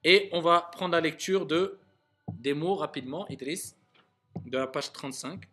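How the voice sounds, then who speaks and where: A man's voice: on the high side, bright, forceful tone, faint music behind. Patient man teaching reading in a classroom. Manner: patient, repeats words slowly and clearly to correct students. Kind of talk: classroom lesson.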